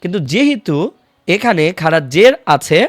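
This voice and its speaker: A fairly high-voiced man teaches a beginner's Quran reading class, sounding out each letter and vowel mark slowly and repeating it. The recording is close and dry, with no room sound. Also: very animated, dry recording. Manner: patient, repeats each syllable slowly for students to follow. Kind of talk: online recitation lesson.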